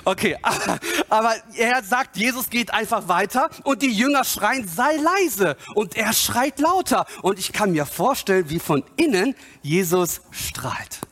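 A man preaching a sermon with passion, moving between loud appeals and quieter spoken asides. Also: lively intonation, a little slow. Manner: impassioned, swings between loud appeals and low voiced asides.

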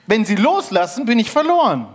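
A man's voice: high-pitched, very animated, a little fast, voice pushed up. A man voicing a mysterious stranger who hangs from a rope and insists someone else hold it. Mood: pleading. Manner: pleading, insistent.

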